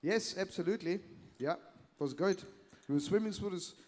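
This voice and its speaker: A middle-aged man hosts a live cooking demo, chatty and jovial, ribbing the young chefs. His voice sits a bit high. The sound carries the long reverb of a big convention hall. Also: a little fast, darkish tone. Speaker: host of cooking demo sessions. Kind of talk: casual live event hosting.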